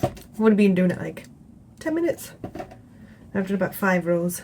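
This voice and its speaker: A young woman with a British accent talks through her crochet in an easy, rambling way, full of ums and asides. Her voice is soft and mellow, and a faint hiss of room noise sits under it. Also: mid-range voice, moderate pace, rough recording. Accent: British English. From England. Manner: chatty, relaxed, rambling with fillers. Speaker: crochet vlogger. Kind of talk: casual tutorial chat. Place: home, indoors.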